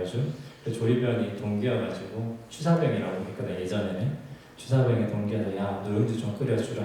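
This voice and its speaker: A middle-aged male pastor preaches with animated storytelling and mid-range pitch, sometimes slipping into his own past prayers. He is heard from a distance in a strongly echoing church sanctuary with faint room noise. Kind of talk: sermon with personal story. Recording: echoey church hall from far off.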